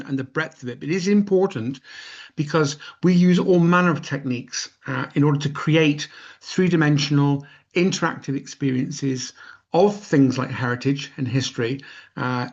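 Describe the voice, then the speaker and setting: A man's voice: a little high, dull audio. An older man from Plymouth with a West Country accent gives an informal online presentation in a chatty, rambling, self-deprecating way. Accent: West Country English. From Plymouth, southwest England. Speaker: guest lecturer, professor.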